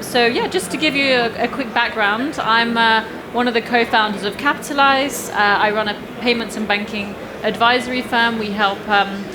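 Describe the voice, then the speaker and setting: Young woman host, gushing and upbeat, higher voice, clear noise behind. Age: young adult. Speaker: interview host. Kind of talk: fireside interview.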